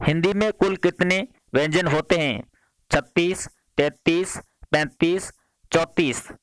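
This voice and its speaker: Brisk male Hindi exam-prep teacher. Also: a little high, fairly bright tone, no room sound. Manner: reads each question and its options, then repeats the question and gives the answer; brisk, repeated "next question" transitions. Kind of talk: quiz-style Hindi grammar lesson.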